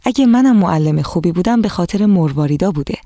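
A storyteller voicing a kind, patient old woman who used to be a teacher, speaking gently with a slightly whispery softness in a children's storybook reading. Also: medium pitch, animated, dry recording, clean studio sound, lightly acted. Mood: gentle.

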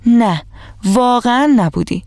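A woman's voice: fairly high pitch, expressive, a little mellow, no room sound, studio quality, voice pushed up. A woman voicing an insistent, reproachful young schoolgirl who wants her book back. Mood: upset.

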